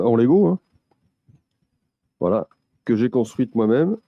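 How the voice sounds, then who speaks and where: A man's voice: on the low side, warm tone, no room sound. A man presenting a workshop, explaining step by step with many hesitations and restarts. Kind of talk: explanatory teaching talk.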